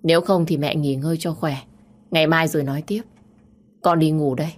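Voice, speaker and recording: A woman's voice: low-pitched, fairly even intonation, brisk. A woman voicing a tired young woman who answers in a restrained, drained way. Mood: weary defiant. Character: weary, wounded young woman, quietly defiant.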